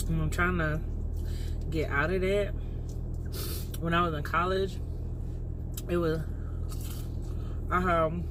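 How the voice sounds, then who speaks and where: Higher-voiced man chewing while talking. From North Carolina, United States. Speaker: vlogger on a lunch break. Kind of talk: casual mukbang chat. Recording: noisy car ambience.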